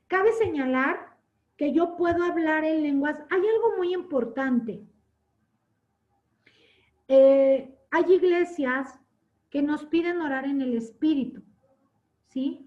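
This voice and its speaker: Brief: woman church teacher with a high voice, recorded on muffled lo-fi audio. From Latin America. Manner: asks "¿sí?" to check understanding; tells stories with lively acted quotes. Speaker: Bible class teacher. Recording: dull lo-fi sound.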